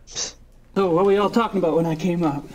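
A man's voice: high voice, normal speed. An actor playing a curious American male investigator who asks probing questions in a casual way, with an American accent. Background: game music.

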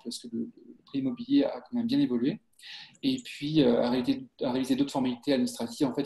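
A French man in his forties, co-founder of a job site, hosts a live job-search webinar from an office with a printed wall behind him. His mid-range, warm voice comes through a webcam in an echoey room, and he speaks hesitantly with many fillers and restarts.

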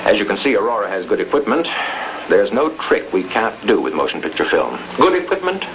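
An American actor playing a calculating older boss in a 1950s television crime drama, speaking with formal, deliberate authority. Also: male voice, fairly low pitch, huge pitch swings. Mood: smug, explaining. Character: commanding, calculating older male boss of a propaganda front. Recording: noisy old 1950s television film soundtrack.

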